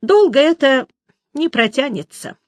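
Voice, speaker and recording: A woman voicing a grim male priest who speaks slowly and gravely. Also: sits high, expressive, no room sound, studio quality, pitched above the performer's own voice. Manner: slow, grave, deliberate. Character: grim older male priest, slow and ominous.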